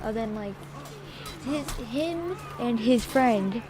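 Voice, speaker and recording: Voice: medium pitch, expressive, slow pace, music in the background. A child or young teen telling a story in a casual vlog, in an exasperated, sarcastic way and acting out bits of dialogue. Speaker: vlogger. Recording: noisy home-made recording with ambient noise.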